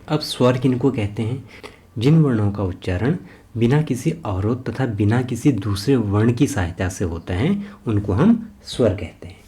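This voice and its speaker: A man giving an exam-prep grammar lesson, slow and methodical, spelling out each sound one by one and answering his own questions. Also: on the low side, warm tone. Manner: asks a question and then answers it himself. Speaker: teacher.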